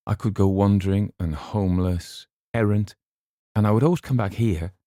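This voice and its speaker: A man reading an audiobook voices a young woman who laughs and pleads in a raised, high voice. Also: steady tone, normal speed, warm tone, no echo, studio quality, lightly acted. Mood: giddy pleading. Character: young woman, giddy and unmoored.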